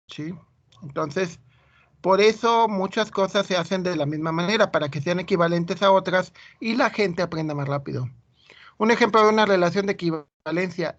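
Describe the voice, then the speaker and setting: A Mexican teacher with a Mexican Spanish accent gives an informal, chatty math lecture packed with anecdotes. His voice sits high with a fairly bright tone, though the recording is muffled.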